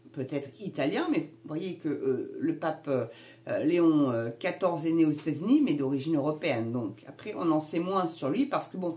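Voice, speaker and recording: A woman's voice: lowish voice, a little mellow. A woman hosting her own video channel, giving a casual talk from her notes with many fillers and self-corrections, and chatty asides to viewers. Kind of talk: casual explainer reading from notes.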